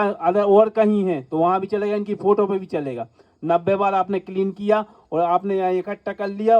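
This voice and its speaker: A man acting as a spiritual teacher, giving an earnest, instructive healing lecture to a class indoors and repeating points for emphasis. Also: sits high. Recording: muffled lo-fi recording.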